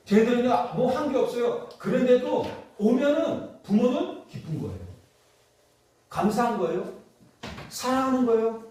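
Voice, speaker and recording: Male preacher, high and animated, insistent rhetorical questions, heard from a distance in a reverberant church. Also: normal speed. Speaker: pastor. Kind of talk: sermon. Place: church sanctuary. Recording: echoey church hall, distant mic.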